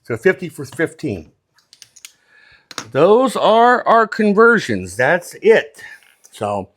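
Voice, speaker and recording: Higher-voiced man teaching craps dealing. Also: huge pitch swings, takes it slowly, fairly bright tone. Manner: explains step by step, plain-spoken. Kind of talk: hands-on casual instruction.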